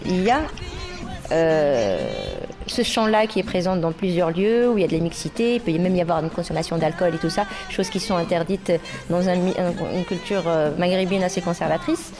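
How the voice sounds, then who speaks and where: A Moroccan woman who sings and raps talks earnestly in a documentary interview, often pausing with fillers. Her voice sits on the low side, and music plays beneath it.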